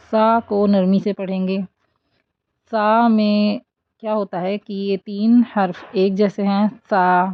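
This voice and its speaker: A woman teaching prayer recitation online, who explains pronunciation and then recites the lines slowly and drawn out. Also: medium pitch, no room sound, dull audio. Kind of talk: online tajweed lesson.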